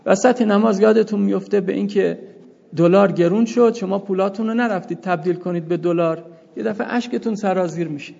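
A man's voice: high-pitched, creaky, darkish tone. A man teaching a jurisprudence lesson in a seminary, explaining step by step and asking and answering his own questions. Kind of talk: jurisprudence lecture. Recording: dull lo-fi sound with long reverb.

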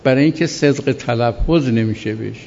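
Man lecturing slowly in a reverberant room. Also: medium pitch, a little mellow, dull audio, slight background noise. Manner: reads Arabic text slowly, then explains by repeating himself. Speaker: teacher of Islamic law. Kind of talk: classroom lecture on a legal text.

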